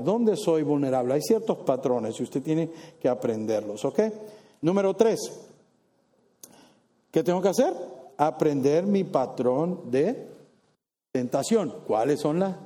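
A man preaching a sermon, animated and playful, teasing the congregation with asides. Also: a little high.

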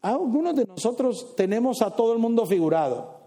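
A man delivering a sermon in a lively, playful way, tossing teasing asides to his listeners. His voice sits high for a man, with a mellow, soft-edged tone. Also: fairly quick. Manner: animated, playful asides to the congregation. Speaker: preacher.

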